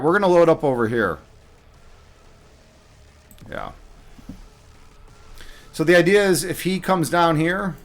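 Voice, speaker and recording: A man streams his own game and gives casual live commentary, muttering half-finished thoughts to himself as he thinks out loud. His voice is fairly high in pitch.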